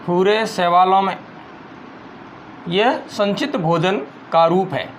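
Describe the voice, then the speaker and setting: A man with a high voice teaches a school biology class at an unhurried pace, repeating each phrase so students can copy it. A soft hum of air conditioning and distant traffic sits behind him. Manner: slow, repeats phrases for dictation. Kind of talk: school biology lesson, dictating notes.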